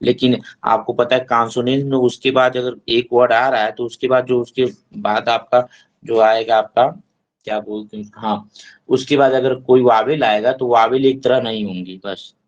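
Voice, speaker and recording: A man teaching an online English class in Hindi, explaining terms step by step and reading English lines slowly. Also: mid-range voice, steady tone, muffled recording. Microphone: online class mic.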